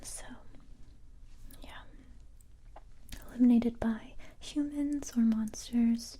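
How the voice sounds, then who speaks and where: For an ASMR roleplay, a woman whispers in a breathy, very dark, mellow tone, her pitch fairly high but steady. She plays a capable young special-forces recruiter who is tough yet gentle, speaking in a halting, reassuring way.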